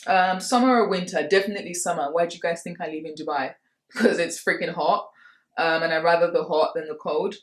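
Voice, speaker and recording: A woman's voice: lowish voice, brisk. A woman in her late twenties from Nigeria, chatting casually through a Q&A for her vlog and laughing between answers. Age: 20s. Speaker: vlogger. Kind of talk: casual Q&A chat to camera. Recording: roomy echo.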